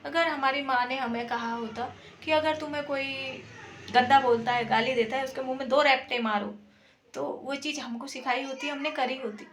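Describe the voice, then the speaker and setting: A woman's voice: high voice, steady tone, normal speed, a bit bright. A young woman vlogger talking to her viewers in an earnest, chatty way, with many fillers. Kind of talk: casual talk to camera. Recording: echoey room, faint background noise.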